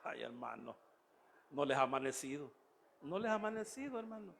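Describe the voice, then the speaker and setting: A pastor with a high voice preaches emphatically, drumming on "brother" after nearly every point. His sermon rings through a church hall with a long reverb tail. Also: very animated, brisk, creaky, fairly bright tone, breathy edge. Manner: emphatic, keeps addressing listeners as "brother".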